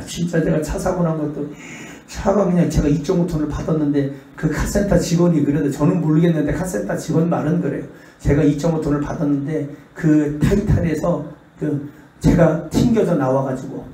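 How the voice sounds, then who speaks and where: A middle-aged male pastor giving a revival sermon, telling stories animatedly and acting out the people in them. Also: a little high. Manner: animated, acts out the voices in his stories. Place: church sanctuary. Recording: echoey church hall, distant mic.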